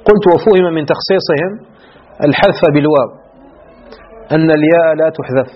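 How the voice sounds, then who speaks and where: A male teacher explaining a classical grammar text line by line, often pausing to check that his students follow. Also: on the high side. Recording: muffled lo-fi recording.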